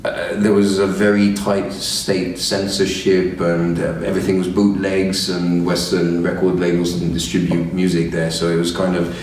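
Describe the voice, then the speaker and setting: A man from Egypt talks in a relaxed interview, thoughtful and rambling, with a dry humour now and then. His voice sits low, and it carries across a very reverberant room from some distance. A faint noise hums underneath. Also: normal speed, few pauses. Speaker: musician guest. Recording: very echoey room, far from the mic, faint noise.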